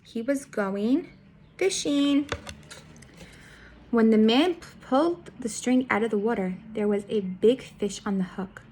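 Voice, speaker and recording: A woman's voice: fairly high pitch, animated, moderate pace, few pauses, darkish tone, slight background noise, poor audio. A woman reading a picture book aloud to young children as a teacher would, expressively and with questions put straight to the listeners. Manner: addresses young listeners directly with guiding questions. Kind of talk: children's read-aloud storytelling.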